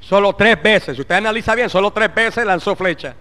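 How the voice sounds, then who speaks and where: A man preaches a fervent sermon in a high, ringing, bright voice, sprinkling in hallelujahs as he goes. He swings from urgent exhortation down to soft muttered asides, and a long hall reverb trails behind each phrase. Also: moderate pace. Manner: fervent preaching, with frequent interjected "aleluya" and "bendito Cristo". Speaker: pastor.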